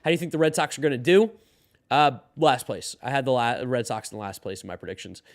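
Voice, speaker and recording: A man's voice: medium pitch, quick pace. A man hosting a daily live sports stream, talking loosely and answering chat questions while sounding tired. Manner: loose and rambling, reads chat questions aloud. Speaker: host of a daily baseball stream.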